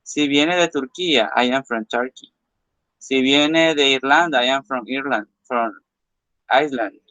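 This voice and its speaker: Slow-paced male English teacher. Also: medium pitch, pushed and bright, dry recording. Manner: explains slowly, repeats English phrases then translates, frequent "ok?" check-ins. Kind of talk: recorded classroom lesson. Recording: dull lo-fi dry recording.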